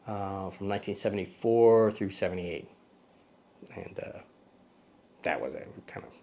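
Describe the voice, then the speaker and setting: A man's voice: lowish voice, a little mellow. A man hosting a casual lens review vlog, rambling and correcting himself with joking asides, recorded outdoors. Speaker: host of a camera lens video.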